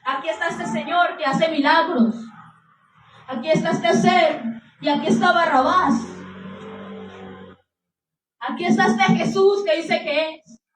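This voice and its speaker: Woman preacher doing a stern Roman governor, high voice, pleading questions, heard from a distance. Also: steady tone, unhurried, pauses often, soft background music. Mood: questioning. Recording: echoey room, distant mic.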